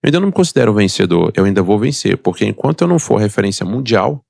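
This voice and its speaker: A middle-aged man with a Brazilian Portuguese accent tells his life story as a podcast guest, fast and emphatic. His voice has a gravelly rasp and sits at an ordinary pitch. The sound is close and dry. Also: very animated, darkish tone, no room sound. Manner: emphatic and motivational, acts out quoted voices. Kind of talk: personal storytelling in a podcast interview.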